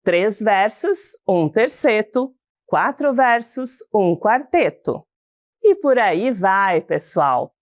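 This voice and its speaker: A woman teacher with a Brazilian accent, slowly and warmly leading a recorded lesson for children, reading a poem aloud and explaining verses and syllables in a sing-song, encouraging way. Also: mid-range voice, sing-song, no room sound, studio quality. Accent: Brazilian Portuguese. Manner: slow, sing-song and encouraging, calls the pupils "bonitos".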